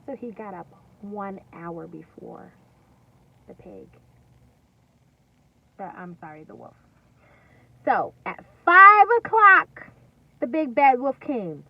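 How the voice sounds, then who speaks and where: A woman teacher with a fairly high voice reads a story aloud to young children, expressive and deliberate, pausing to explain and ask them questions. The recording is distant, dull, and lo-fi, with faint noise.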